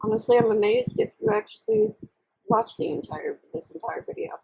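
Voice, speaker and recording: A woman chatting candidly and casually to camera in a halting, reflective way, chewing while she talks. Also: extremely high pitch, sing-song, creaky, darkish tone, poor audio. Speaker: vlogger. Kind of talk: casual personal chat to camera while eating.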